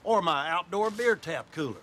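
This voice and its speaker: A man's voice: high voice, expressive, moderate pace, a bit bright, slight background noise. An older man playing a cocky, needling father-in-law in a sitcom. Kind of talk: sitcom acting. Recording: studio sitcom with audience laughter.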